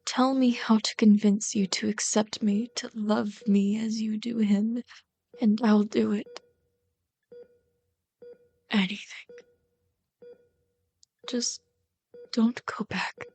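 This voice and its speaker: In an ASMR roleplay, a woman plays an obsessive, lovelorn villain who is bitter and pleading. Her medium-pitched voice is flat, creaky, and a little mellow, and her slow, intimate, dramatic delivery often drops toward a whisper.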